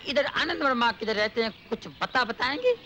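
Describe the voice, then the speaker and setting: An actor playing a brash, cheeky comic man who speaks in quick comic banter, in a 1990s film comedy. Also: very high voice, very animated, pushed and bright, a little hiss or hum, exaggerated voice. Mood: chatty.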